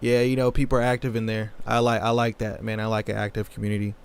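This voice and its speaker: A man's voice: lowish voice, level tone, fast, creaky, clean tone. A man hosting a casual livestream, answering chat questions in a laid-back, slangy way. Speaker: crypto livestream host.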